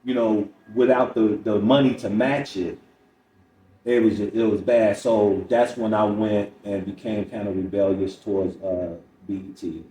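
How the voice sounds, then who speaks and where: On a podcast, a middle-aged comic guest speaks openly, spinning stories and quoting others as he goes. He talks a little slowly in a fairly low, mellow voice with fairly even intonation. The audio has roomy echo, a far-off mic, and faint noise.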